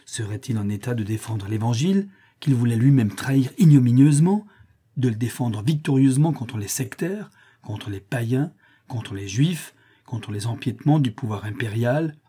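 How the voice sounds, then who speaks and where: A man's voice: medium pitch, animated, normal speed, warm tone, husky. A man reading as a devout Gothic maidservant. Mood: earnest pleading. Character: devout young Gothic woman attendant, earnest and pleading.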